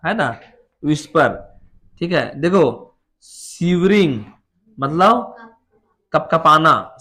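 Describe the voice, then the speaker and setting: A man's voice: a little high, pushed and bright. A man teaching English vocabulary to a class, explaining words with everyday examples and putting questions to his students.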